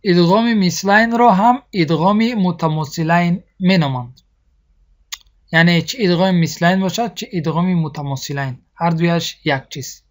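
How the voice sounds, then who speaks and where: Teacher, recorded recitation lesson, patient, repetitive, checks understanding. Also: medium pitch. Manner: patient, repeats each point and asks if students understood; slows down to model recited sounds.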